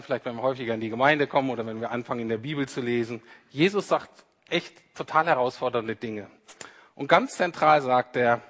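In a church hall, a preacher gives a conversational sermon, addressing his listeners directly and acting out the lines he quotes. His voice is medium-pitched and fairly bright, and the recording carries a reverberant hall sound.

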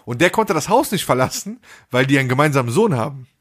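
A man co-hosting a casual podcast, telling a story in slangy, animated talk and acting out the people in it. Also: medium pitch, quick pace. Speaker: podcast co-host.

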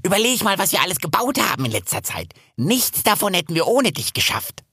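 A man's voice: sits high, very animated, a little fast, bright, forceful tone, breathy edge, no echo, studio quality, pitched above the performer's own voice, full character voice. A man voicing a cheeky, joking little male forest animal in a storybook. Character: cheeky small male forest animal who climbs trees.

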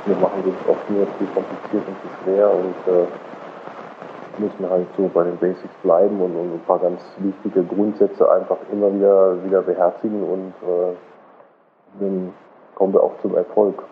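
A man speaking as a physiotherapist guest in an interview, explaining calmly with many fillers, heard on an old low-quality recording. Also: normal speed. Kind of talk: conversational interview. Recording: muffled phone-like old recording with faint noise.

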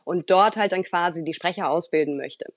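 A woman voice coach who talks earnestly and expressively as an interview guest, with the odd filler pause. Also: on the low side, dry recording, studio quality. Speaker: voice coach and speaker.

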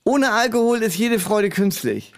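A man's voice: high-pitched, sing-song, moderate pace. A man in a scripted comedy sketch, talking in a smug, scoffing know-it-all way.

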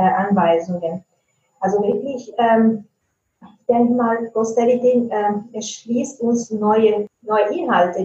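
An Italian native speaker from Italy, working as a translator and trainer, answers interview questions thoughtfully with frequent hesitation fillers. Her mid-range voice has a dark tone, and the roomy, distant, dull lo-fi recording carries a little hiss or hum.

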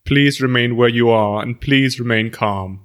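A man's voice: mid-range voice, measured pace, heavy background noise. A man as a formal emergency announcer through a megaphone. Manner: flat, formal public warning. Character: calm male emergency announcer, formal and impersonal.

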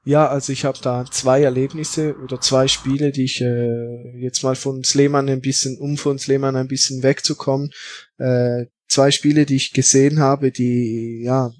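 A man talks as a guest on a podcast. His pitch stays flat and even, and he often stops to fill gaps and restart his sentences. The sound is dry and close. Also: normal speed, no echo. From Switzerland. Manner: hesitant, many fillers and restarts. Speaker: podcast guest, football fan. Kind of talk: casual interview talk.

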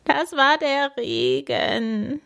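A woman's voice: high-pitched, normal speed, creaky, pitched above the performer's own voice. A woman voicing a shy young male cheetah who whines and sobs in a children's storybook. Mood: tearful. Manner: whiny, tearful.

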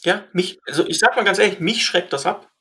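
A young man of Syrian family background, chatting and telling stories in an animated way, with lots of fillers and restarts. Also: high-pitched, brisk. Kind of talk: casual conversation.

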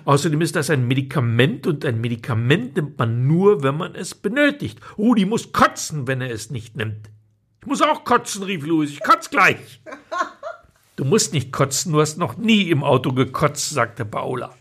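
A man's voice: a little high, sing-song, moderate pace, hardly any pauses, breathy edge. A man reads his own humorous column aloud, telling it in a dry, ironic way and acting out the quoted lines. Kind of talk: expressive reading of a humorous column.

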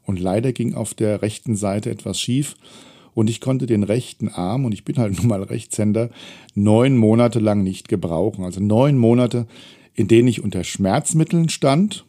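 A man's voice: lowish voice, moderate pace, warm tone. A middle-aged man, a self-employed trainer, candidly and wryly telling his own story of setbacks. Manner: candid, reflective, wry. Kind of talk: personal storytelling talk.

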